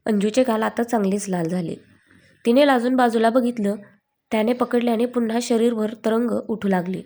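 A woman storyteller narrating a romantic story in a steady, expressive reading. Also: fairly high pitch, moderate pace.

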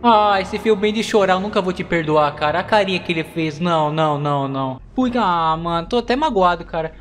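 A man from Brazil giving excitable, chatty let's play commentary to his viewers. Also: sits high, fairly quick, soft background music. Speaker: gaming YouTuber.

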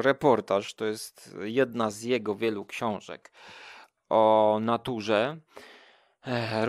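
A man's voice: mid-range voice, clean tone, no echo, clean studio sound. A man chatting casually as a podcast guest, rambling with many fillers and restarts. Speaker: podcast guest, food show creator. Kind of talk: casual chat.

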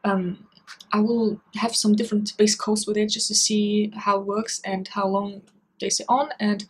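Young woman with a husky, chatty voice. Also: medium pitch, level tone, normal speed, rough recording. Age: young adult. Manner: chatty, many fillers like "you know" and "um". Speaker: beauty vlogger. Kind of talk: casual product review. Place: small bedroom, indoors.

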